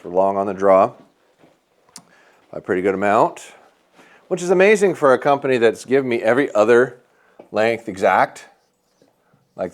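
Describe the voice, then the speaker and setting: A man with a slightly low voice talks through bow measurements at an indoor archery shop range. His delivery is casual and unscripted, and he thinks aloud as he reads the numbers. It sounds like a hands-on gear review. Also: darkish tone, clear, resonant tone. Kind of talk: hands-on product testing talk.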